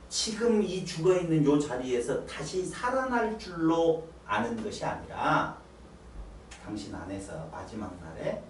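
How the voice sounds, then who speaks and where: A middle-aged man preaches with a lively, swinging pitch, drawing his congregation into call-and-answer. His voice carries through a roomy church sanctuary from a mic set some distance away. A faint ambience hums underneath. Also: a little hiss or hum. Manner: animated, coaxing listeners to answer. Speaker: pastor. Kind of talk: lively sermon with questions to the congregation.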